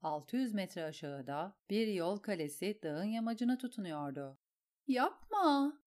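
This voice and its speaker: A woman's voice: lowish voice, moderate pace. A woman giving a dramatic storybook narration and acting out the characters. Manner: expressive, acts out the characters. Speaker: audiobook narrator.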